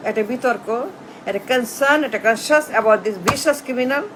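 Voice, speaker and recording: A woman's voice: fairly high pitch, a little slow, fairly bright tone, a little hiss or hum, rough recording. A woman, giving a political commentary as a rant to camera, firing off repeated rhetorical questions in an accusatory, scornful way. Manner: emphatic, repetitive rhetorical questioning.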